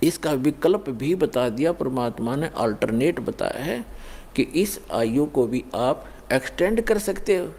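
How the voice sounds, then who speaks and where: Mellow-voiced preacher man. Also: medium pitch, lively intonation, a little slow, a little hiss or hum. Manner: addresses listeners as "punyatmaon", explains with everyday examples. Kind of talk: Hindi spiritual sermon.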